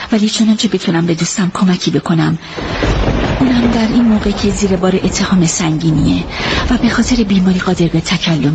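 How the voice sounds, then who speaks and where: A woman's voice: mid-range voice, noisy background, natural voice. An actress playing an earnest female witness who carefully recounts a night's events to a detective, in a radio drama dub. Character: earnest female witness, loyal to her friend. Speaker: witness giving a statement.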